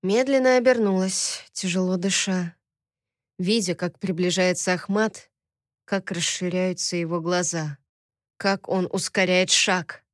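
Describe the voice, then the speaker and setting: A woman narrating an audiobook story in the first person, in a soft, tense and emotional way. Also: on the low side, steady tone, a little slow, no room sound, clean studio sound.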